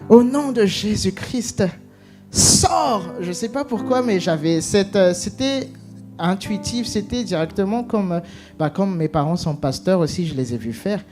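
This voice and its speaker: A man giving an emotional personal testimony, halting with many restarts and fillers, acting out what was said. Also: high-pitched, expressive, over music.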